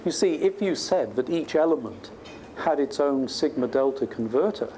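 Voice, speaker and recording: A male professor explains technical ideas informally in a university lecture room, thinking aloud conversationally. His mid-range voice is mellow and animated at a moderate pace, and the recording is clearly noisy.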